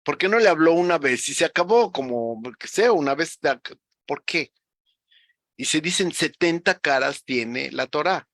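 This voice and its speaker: A man with a bright, forceful, somewhat high voice explains ideas patiently, like a teacher. He often restarts his phrases as he thinks aloud. The sound is dry and close. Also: lively intonation, moderate pace, dry recording. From Mexico. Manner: reflective, teacherly, many restarts. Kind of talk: conversational explanation.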